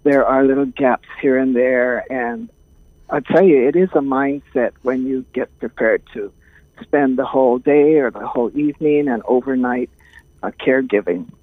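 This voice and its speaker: A woman's voice: rumbling low, no room sound. Older woman from on a phone line. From Hawaii. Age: 70s. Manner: calm, thoughtful, many pauses and fillers. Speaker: guest, caregiving trainer. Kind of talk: casual interview talk.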